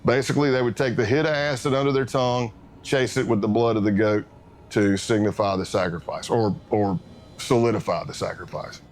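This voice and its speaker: A middle-aged man recounts his undercover days for a documentary, his voice sitting low. He tells it vividly and acts out the lines of the people in his story. A faint noise hangs behind him. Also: fairly quick. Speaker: former undercover agent interviewee.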